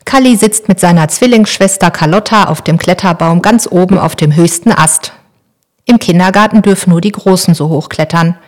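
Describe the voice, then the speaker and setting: Calm woman reading a children's story. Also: fairly low pitch, normal speed. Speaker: narrator. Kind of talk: children's audiobook narration.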